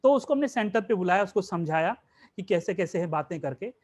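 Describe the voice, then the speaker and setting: A man's voice: high-pitched, lively intonation, fairly quick. A man teaching a spiritual class, asking rhetorical questions and answering them himself, mixing in English words.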